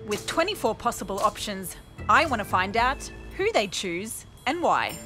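Presenting a science documentary, a woman interviews volunteers outdoors by a beach and inside a parked bus, friendly and upbeat, giving clear explanations. Her mid-range voice is very animated at a moderate pace. Background music plays, and the recording quality is low.

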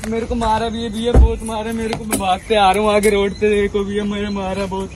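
A man's voice: sits high, monotone, brisk, over music, close to an everyday voice. A man acting as a flustered young man complaining that he was just robbed, in a staged roadside skit.

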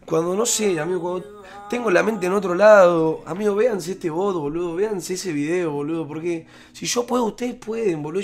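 A young man with an Argentine accent, a streamer speaking emotionally to his viewers while holding back tears. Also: high voice. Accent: Rioplatense Argentine. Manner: emotional, repetitive, keeps saying "amigo" and "boludo". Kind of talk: heartfelt talk to viewers.

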